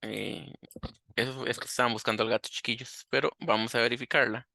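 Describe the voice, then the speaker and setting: Here a man with a gravelly, bright, forceful voice of medium pitch teaches a screen-recorded coding lesson fairly quickly, with fairly even intonation. He thinks aloud and asks himself questions while working. The sound is clean studio audio without echo.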